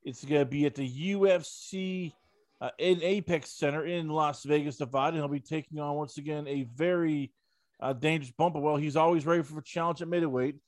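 Male interviewer, rambling and chatty, slightly higher voice. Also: fairly even intonation, fairly quick, dry recording, clean studio sound. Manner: rambling, chatty questions with many fillers. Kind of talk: casual interview.

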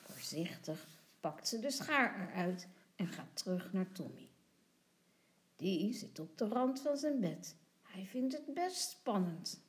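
Lady teacher reading a kids' book, slow and soft, voice goes up and down a lot. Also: mid-range voice, big pitch swings. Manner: soft, hushed at times. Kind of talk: children's storybook reading.

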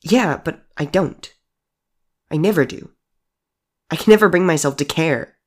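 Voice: medium pitch, measured pace, voice pushed up, lightly acted. A narrator voicing C J, a wry self-mocking teen. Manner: wry jokes over hidden hurt. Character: self-deprecating young person named C J, age eighteen. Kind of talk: audiobook character voice.

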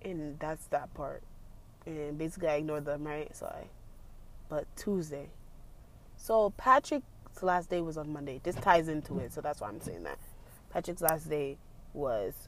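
A young woman vlogger venting in a casual storytime, animated and emphatic, repeating herself as she talks from a parked car. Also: low voice, a little hiss or hum.

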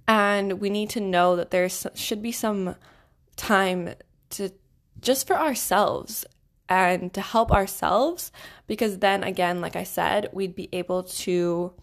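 A young adult woman hosting a solo self-help podcast, giving advice in a tidy, organised way. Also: on the low side. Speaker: podcast host.

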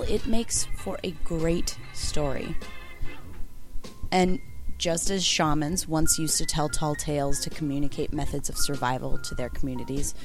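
A woman with an American accent and a low voice hosts a podcast introduction. She talks informally and intimately, straight to her listeners, over faint background music. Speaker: podcast host.

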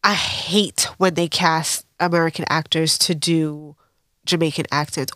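A woman's voice: low voice, no echo, studio quality. A woman hosting a podcast, recapping a TV episode in a candid, opinionated way and breaking off into rants with laughs. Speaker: podcast host.

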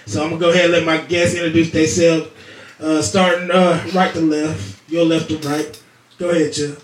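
A man's voice: a little high, flat delivery, brisk, roomy sound, far from the mic, slight background noise. A man hosting a casual chat show with guests, talking in loose, slangy banter and swearing freely. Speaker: podcast host.

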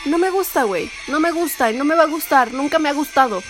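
A woman's voice: sits high, expressive, fast talker. A young woman with a Mexican Spanish accent, ranting heatedly and sarcastically in a vlog, swearing often. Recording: music playing behind the voice.

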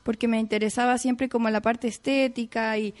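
A woman's voice: a little high, little pitch movement, fairly quick, a little mellow. Chatty Chilean woman being interviewed. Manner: chatty, filler-heavy, laughs easily. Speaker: guest. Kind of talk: casual interview chat.

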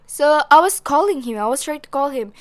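A woman's voice: high-pitched, lively intonation, fairly quick. A young woman with a Malaysian English accent, co-hosting a casual chat and telling a story with Malay words and swearing mixed in. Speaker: podcast co-host.

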